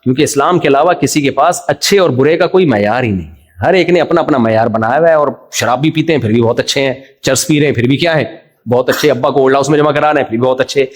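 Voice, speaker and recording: A man giving a religious lecture in a jovial, teasing way, with mock-voiced examples. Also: mid-range voice. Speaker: Islamic preacher. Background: audience laughter.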